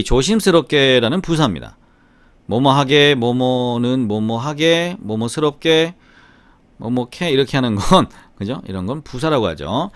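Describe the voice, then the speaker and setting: Brief: middle-aged male English tutor, slight Gyeongsang accent, animated sing-song delivery, dry close sound. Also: mid-range voice, no echo. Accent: slight Gyeongsang Korean, mostly Seoul-like. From Gyeongsang, South Korea. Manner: lively, chatty, often asks "right?". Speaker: English grammar teacher. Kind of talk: grammar lesson with repeat-after-me drills.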